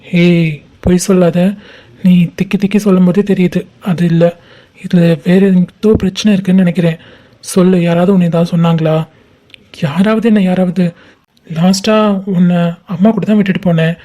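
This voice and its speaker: A woman voicing a caring young man in a cartoon, who asks questions in a soft, coaxing way. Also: on the low side, fairly even intonation, moderate pace, natural voice. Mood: concerned. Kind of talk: animated cartoon voice acting.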